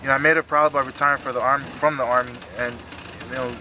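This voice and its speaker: A man in his thirties speaking emotionally and haltingly in an earnest, unscripted post-fight interview as a retiring fighter. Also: medium pitch, fairly even intonation, noisy background. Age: 30s. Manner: halting, earnest, repeats himself.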